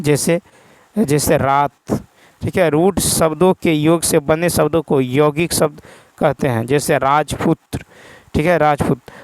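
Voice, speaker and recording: A man's voice: a little high, darkish tone, no echo, low-quality recording. A man going through practice exam answers, repeating each key term and asking himself the answer. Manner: reads English questions slowly, word by word. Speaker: exam prep teacher. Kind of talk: explaining a practice test answer by answer.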